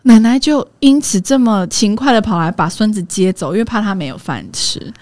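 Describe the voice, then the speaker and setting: A woman's voice: medium pitch, lively intonation, moderate pace, a little mellow, dry recording. A woman in her thirties, a guest in casual chat, telling family stories and acting out the voices of the people in them.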